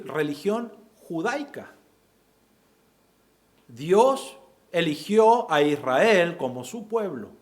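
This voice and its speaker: Argentine pastor, male, high voice, chatty sermon delivery that acts out excuses. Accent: Rioplatense Spanish. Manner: conversational preaching, acts out excuses in quoted voices.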